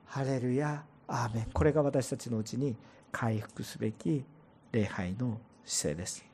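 A man preaching a sermon to a church congregation as pastor, animated and asking listeners rhetorical questions. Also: medium pitch, normal speed, slight background noise. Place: church service before a congregation.

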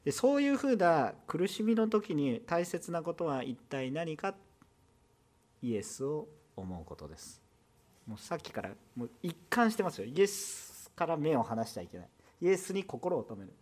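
This Kansai-accented pastor gives a very animated sermon in a church, his darkish voice swinging widely in pitch. He talks conversationally, throwing out rhetorical questions and quick asides to the congregation.

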